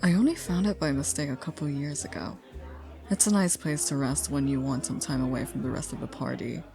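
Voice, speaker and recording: With faint music behind her, a woman with a very deep, mellow voice plays a flirty, teasing stranger in an intimate ASMR roleplay. Her one-sided dialogue is inviting and playful, coaxing the listener with drawn-out teasing and breathy asides.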